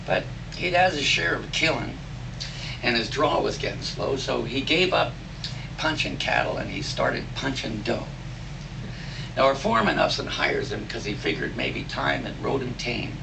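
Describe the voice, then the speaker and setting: A man's voice: medium pitch, sing-song, moderate pace, gravelly. A man reciting cowboy poetry live in a folksy cowboy drawl, telling it like a yarn with rustic grammar. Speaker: cowboy poet. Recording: distant mic, noisy live room.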